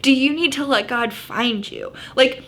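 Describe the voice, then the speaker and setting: An upbeat woman youth pastor speaks in a fairly high voice. She teaches conversationally, with casual, youthful phrasing. Her delivery is earnest and encouraging, like a talk to a youth group. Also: measured pace, a bit bright.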